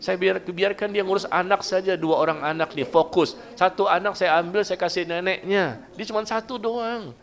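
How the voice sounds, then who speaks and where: A man's voice: high voice, moderate pace, few pauses. A male preacher giving a casual, conversational sermon, asking his listeners questions and acting out little dialogues. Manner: conversational, asks the audience questions and acts out dialogue. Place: mosque gathering.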